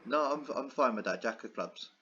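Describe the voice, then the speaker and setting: Man, casual chat, laid-back, slangy, medium pitch, dull lo-fi sound. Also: expressive, brisk, sharp tone, slightly rough. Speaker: host chatting with strangers online. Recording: dull, noisy video-chat audio.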